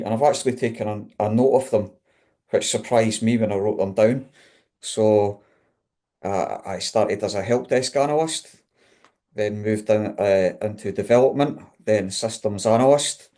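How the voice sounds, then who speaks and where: Middle-aged male webinar guest, broad Scottish accent, lowish voice, informal professional talk. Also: normal speed, mellow. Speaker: guest, chief technology officer. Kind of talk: informal career introduction in a webinar.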